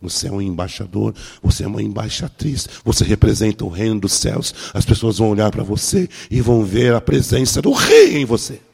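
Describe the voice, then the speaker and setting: A man's voice: lowish voice, lively intonation, a little fast, vocal fry, hardly any pauses, husky. A man, a pastor preaching a sermon and telling personal stories, acting out the dialogue. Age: 60s. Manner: storytelling, acting out dialogue with soft laughs.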